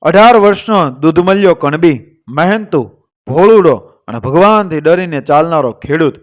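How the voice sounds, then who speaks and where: Male storyteller reading a moral tale, steady and dramatic, voice a touch high.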